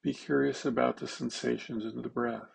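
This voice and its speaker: A man leading a slow guided meditation, halting, with long pauses and simple phrasing. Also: medium pitch, fairly even intonation, creaky, slightly rough.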